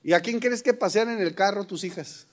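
High-voiced Mexican pastor preaching. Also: male voice, a little fast. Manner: folksy, joking, addresses listeners as brothers. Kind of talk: sermon.

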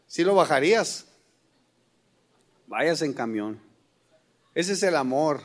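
Middle-aged Mexican preacher, high voice, folksy and joking sermon delivery. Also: male voice, lively intonation, takes it slowly. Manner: folksy, joking, addresses listeners as brothers. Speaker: pastor.

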